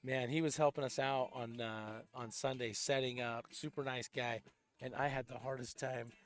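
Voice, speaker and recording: A man's voice: mid-range voice, fairly even intonation, moderate pace. A man commentating casually on a sporting event, chatty and rambling, with frequent restarts and light laughs.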